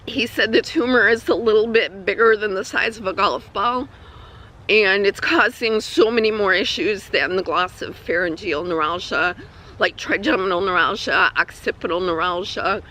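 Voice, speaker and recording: Woman with a weak, strained, bright voice. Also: mid-range voice, moderate pace, low-quality recording. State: throat spasms with coughing and throat clearing. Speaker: vlogger. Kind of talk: personal health update vlog, casual talk. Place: outdoors on a hike.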